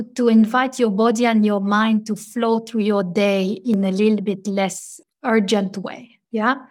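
A woman speaks as a guest expert, giving reflective advice. Her phrasing is halting and searching, and her pitch is average for a woman. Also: a little mellow.

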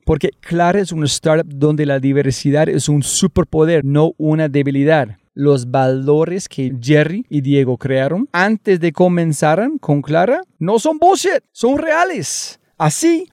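A man hosting a podcast, reading an energetic intro with sudden leaps in pitch for emphasis, then starting an interview. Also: no room sound, studio quality. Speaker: podcast host.

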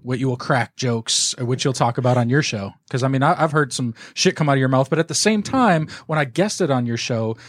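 A man's voice: medium pitch, a little fast, hardly any pauses, dry recording, clean studio sound. A man hosting a podcast round table who asks blunt, profane, probing questions. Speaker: podcast host asking questions. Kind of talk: casual round-table banter.

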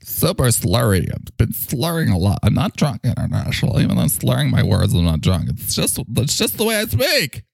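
A slurry talking microphone protests that he is not drunk, voiced by a man. His speech drags and smears, set a bit higher than a natural voice, with a rough grain. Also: huge pitch swings, normal speed, few pauses, no echo, exaggerated voice. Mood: defensive.

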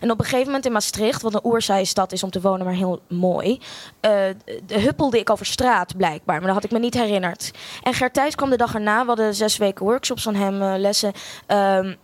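A young woman tells her own story with blunt candor and dry, self-mocking humor, and she swears freely. Her voice sits at an ordinary pitch and is recorded close and dry, with no room sound. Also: fairly quick, no echo. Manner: frank, sardonic, swears freely. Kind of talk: personal storytelling monologue.

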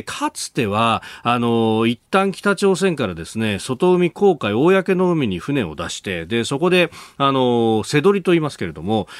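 Measured male radio news host. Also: mid-range voice, no room sound. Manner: measured, explanatory, with frequent filler pauses. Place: radio studio.

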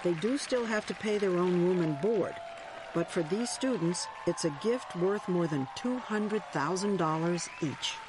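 A woman correspondent narrating a news segment in a measured, scripted way. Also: lowish voice, crowd noise, noisy background.

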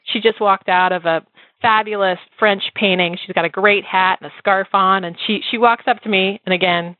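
A woman telling her story as an interview guest, animated and laughing often as she talks. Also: medium pitch, normal speed, no room sound. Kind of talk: casual storytelling. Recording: dry, phone-like lo-fi line.

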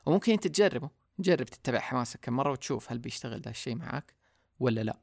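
A man talks quickly through a solo podcast episode, thinking out loud in a relaxed, reflective way. His voice has a gravelly, fry-edged texture. The close mic leaves it dry, with no room sound. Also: medium pitch, no room sound. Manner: reflective, casual, mixes in English words. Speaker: podcast host.

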